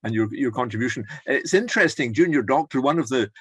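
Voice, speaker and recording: A man's voice: mid-range voice, lively intonation, fast, a bit bright, breathy edge, dry recording. An older man leading an online course, chatting encouragingly over a video call and rambling with restarts. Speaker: course leader. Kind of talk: casual chat on a video call.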